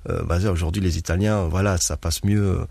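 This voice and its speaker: A man's voice: sits low, fairly even intonation, brisk, gravelly, warm tone, husky, no echo. A young man, a stage performer raised in Guinea, speaking earnestly as a guest in a radio interview and laughing often as he tells stories.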